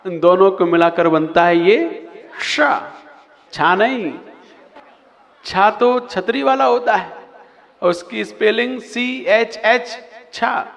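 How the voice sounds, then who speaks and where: A man, a Jain monk, patiently teaching how to pronounce and chant verses, singing the lines between slow explanations. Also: high-pitched, vocal fry, fairly bright tone. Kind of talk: recitation lesson. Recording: long hall reverb.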